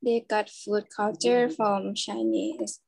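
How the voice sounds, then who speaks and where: A Thai woman student speaking English hesitantly, pausing to search for words. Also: mid-range voice, flat delivery, vocal fry, a little mellow, dry recording, poor audio.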